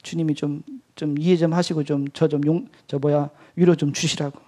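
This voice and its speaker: Pastor guy telling his story at church, pretty high voice, gets loud then drops to a whisper. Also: moderate pace. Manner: animated storytelling that swings between loud outbursts and hushed whispers. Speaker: pastor and missionary. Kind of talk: sermon testimony. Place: church evening service.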